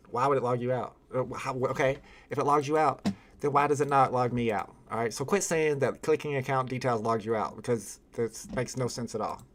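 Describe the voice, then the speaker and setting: A man hosting a casual live stream, reading viewer comments aloud, rambling and exasperated and laughing often. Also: mid-range voice. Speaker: livestream host.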